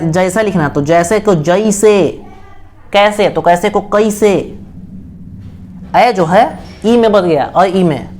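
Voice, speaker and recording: A man teaching a casual exam-prep lesson, who explains step by step and keeps asking questions and answering them himself. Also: high voice. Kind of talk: casual classroom lecture.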